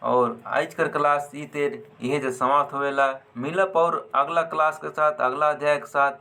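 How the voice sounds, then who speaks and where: A man teaching a grammar lesson, deliberately repeating example words in pairs. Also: on the high side, steady tone, sharp tone.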